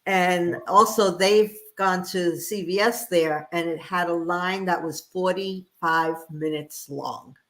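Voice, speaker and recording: Woman co-host, lowish voice, slow relaxed delivery of chat comments. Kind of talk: casual chat on a live stream.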